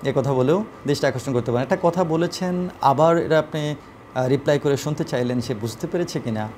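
A man gives an English lesson in a mid-range voice. He reads each example phrase slowly and carefully and fills his pauses with "uh". A faint background hiss runs under the recording. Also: medium pitch, a little mellow. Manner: slow, deliberate reading of example phrases with frequent "uh" fillers. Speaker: English teacher.

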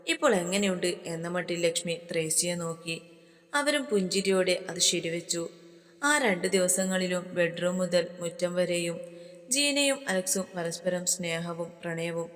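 A woman narrating a romance story with soft, steady storytelling. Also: lowish voice. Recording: long hall reverb.

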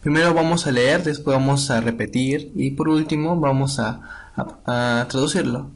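Young man, language teacher, steady explanatory delivery. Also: medium pitch. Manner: reads dialogue lines aloud slowly and repeats them. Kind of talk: online language lesson.

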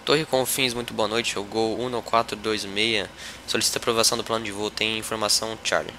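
A man acting as a virtual pilot, reading back air traffic clearances in clipped radio phrasing, heard over a radio link like a walkie-talkie. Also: lowish voice, steady tone, sharp tone. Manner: clipped, rapid readback of clearances. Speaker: virtual airline pilot on a flight-sim network.

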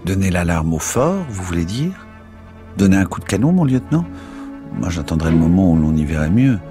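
A man reading the lines of a calm, rule-bound veteran sergeant in an audiobook, formal and matter-of-fact. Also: deep voice, fairly quick, soft background music.

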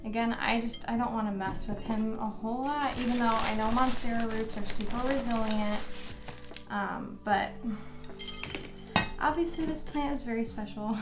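A young woman in her twenties chats casually in a vlog about her houseplants, gushing and laughing often. She's recorded at home in her plant-filled bedroom, her fairly high voice at a moderate pace in an echoey room, with background music under her voice.

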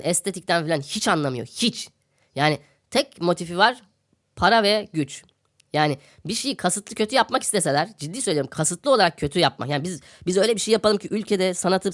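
Man, podcast host, satirical news rant, sarcastic, rapid-fire delivery, repeats lines for laughs. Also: high voice, fairly bright tone. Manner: sarcastic, ranting, repeats phrases for comic effect.

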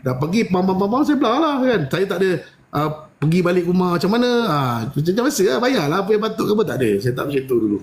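A man's voice: quick pace, a little hiss or hum. A man, a spiritual healer telling a story in casual live-stream chat and acting out the dialogue with big jumps in his voice. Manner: animated, acts out dialogue with big pitch jumps.

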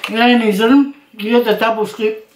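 A woman's voice: fairly high pitch, fairly even intonation, moderate pace. A middle-aged woman chatting casually as a mukbang host, talking between mouthfuls with appreciative hums. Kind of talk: casual chat while eating. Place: indoor room at a table. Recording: roomy echo, clinking dishes.

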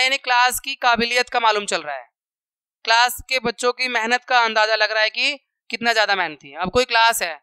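Guy teaching kids maths, counting stuff out loud step by step, super clear voice. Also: very high-pitched, no echo. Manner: counts aloud, checks in with "okay". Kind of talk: classroom maths lesson.

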